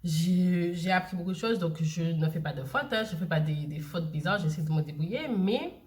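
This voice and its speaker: Young female vlogger, slightly low voice, loose rambling chat full of repeats. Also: expressive, normal speed, darkish tone. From Saint Lucia. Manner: rambling, repeats herself, many fillers. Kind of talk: casual chat to camera.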